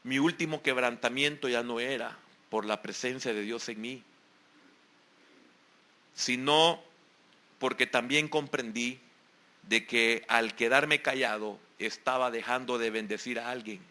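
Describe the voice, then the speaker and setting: Bright-voiced pastor preaching. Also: male voice, mid-range voice, fairly even intonation, unhurried. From El Salvador. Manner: emphatic preaching with repeated exhortations. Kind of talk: evening church sermon. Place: church sanctuary during a service.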